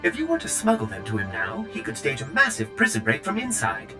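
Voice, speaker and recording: An actor playing a prim, fussy male servant droid in a video game, with a polished, too-smooth android delivery. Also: lowish voice, huge pitch swings, fairly quick, music in the background. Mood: brisk. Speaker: game character.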